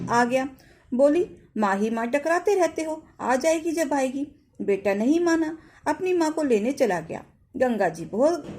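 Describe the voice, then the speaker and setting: A woman's voice: high-pitched, dark tone. A woman, narrating a devotional folk tale in a homely way and shifting her tone for the characters. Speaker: storyteller.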